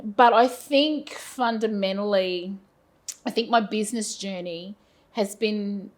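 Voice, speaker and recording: An Australian woman in her fifties talks casually as an interview guest. She rambles, doubles back and pokes fun at herself, with lots of fillers. Her voice sits at an ordinary middle pitch. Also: slow. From Brisbane, Australia. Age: 50s. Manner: rambling, self-deprecating, frequent fillers. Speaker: guest, business owner.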